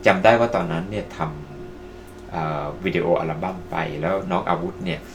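This presenter of video-making tutorials has a low voice, fairly even intonation, and a normal speaking speed. He chats casually with online viewers, politely addressing them as friends, over background noise and music.

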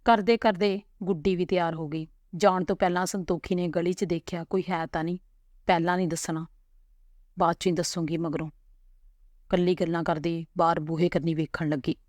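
A woman narrating a family story in a calm, unhurried reading voice. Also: on the low side, no echo.

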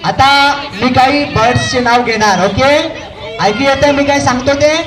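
Jokey male event host with a very high voice, coaxing children through games over an echoey PA with a crowd behind. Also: moderate pace. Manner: joking, coaxing and bossing children. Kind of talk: live comedy game hosting. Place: outdoor community celebration stage.

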